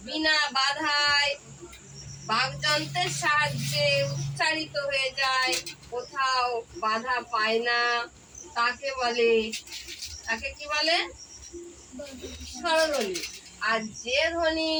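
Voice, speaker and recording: A woman with a high-pitched voice leads a children's grammar class, asking question after question and echoing the answers. She sits well away from the mic. Crickets, insects and passing vehicles are clearly heard behind her. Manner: drills with repeated questions to pupils. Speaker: tuition teacher. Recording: distant mic with outdoor noise.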